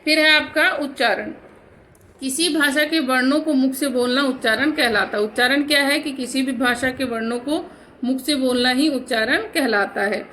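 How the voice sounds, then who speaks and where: A woman's voice: sits high, moderate pace, pushed and bright, slight background noise, poor audio. A woman teaching a Hindi grammar lesson. She explains each point step by step, asks her pupils questions and then answers them herself, and calls them "beta.". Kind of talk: recorded online class lesson.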